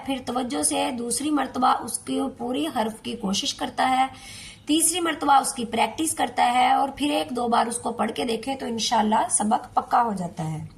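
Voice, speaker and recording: A woman teaching Quran recitation step by step, patiently repeating each word and drawing out the recited lines. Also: high-pitched. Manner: patient, repeats words slowly, recites in a drawn-out chant. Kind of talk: slow step-by-step tajweed lesson.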